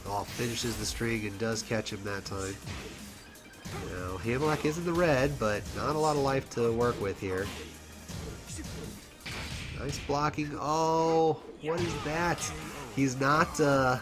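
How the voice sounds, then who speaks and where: A man's voice: mid-range voice, slow, long pauses. A man doing casual solo play-by-play for a fighting game tournament, stuffed up from a cold, chatty and full of fillers and little laughs. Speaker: esports commentator. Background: game music.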